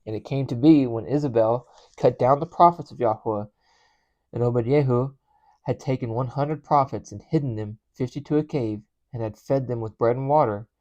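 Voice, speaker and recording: A man's voice: mid-range voice, moderate pace, a little mellow, lo-fi sound. Earnest man reading scripture aloud. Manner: earnest, stumbles and restarts on names. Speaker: scripture reader.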